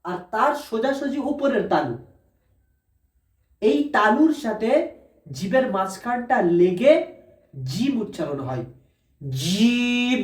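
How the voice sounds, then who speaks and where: A woman teaching letter pronunciation slowly and patiently, repeating each sound three times. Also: medium pitch. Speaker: Arabic alphabet teacher. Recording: echoey room, voice from a distance.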